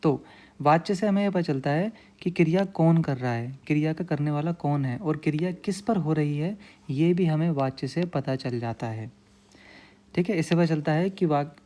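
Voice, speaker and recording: Male tutor, grammar lesson; mellow, relaxed timbre, patient and repetitive, checks in often with listeners. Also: on the high side. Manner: frequent check-in phrases. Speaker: teacher.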